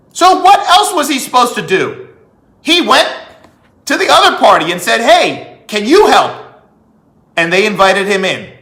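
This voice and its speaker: Recorded in a room with echo, a man with a sharp, high voice gives a forceful political commentary full of opinion. He keeps hammering phrases again and asks rhetorical questions.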